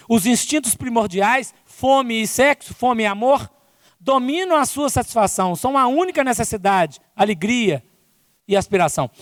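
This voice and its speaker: A man's voice: very high voice, studio quality. A man with a Brazilian accent giving a spiritist lecture at a conference, often tagging his sentences with "né?" and "não é?". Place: conference hall. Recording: long reverb from a big hall.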